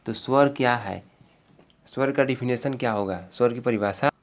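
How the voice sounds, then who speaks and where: A man's voice: mid-range voice, moderate pace. A male teacher giving an exam-prep grammar lesson, explaining step by step and often repeating himself with fillers.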